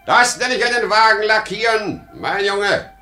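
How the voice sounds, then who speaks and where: In a 1950s German radio drama, an actor voices an aging travelling salesman who is boastful yet insecure, swinging between bragging and self-doubt in a talkative, exclamatory way. His voice sits high and bright, with a forceful tone and moderate pace, and the mood is proud and fatherly. Soft music plays underneath.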